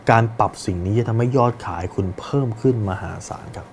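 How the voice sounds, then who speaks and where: A man's voice: mid-range voice, fast, soft background music. A man hosting a business coaching podcast, speaking directly to the listener and demonstrating different tones of voice. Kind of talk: instructional podcast monologue.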